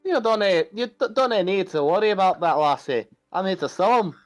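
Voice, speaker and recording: A man's voice: sits high, expressive, brisk, soft background music, pitched above the performer's own voice. A man voicing a cagey male dwarf gem seller in a poor put-on Scottish accent. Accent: mock Scottish, put on badly.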